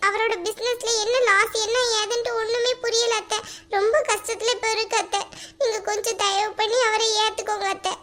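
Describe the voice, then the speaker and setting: A woman voicing a young married woman in an animated family drama, emotional and pleading. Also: very high voice.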